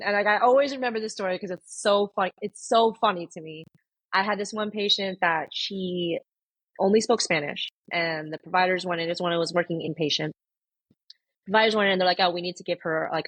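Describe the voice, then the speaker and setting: Husky low-ish woman nurse rambling through stories, dry sound. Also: a bit bright, no room sound. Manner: chatty storyteller, many fillers. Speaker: oncology nurse guest. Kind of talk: casual podcast chat.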